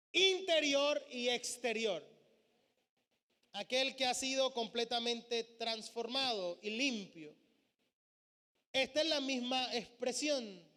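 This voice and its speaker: A man's voice: extremely high pitch, pushed and bright. A man preaching a sermon as pastor, posing questions to his congregation. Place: church sanctuary. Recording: church hall with long reverb.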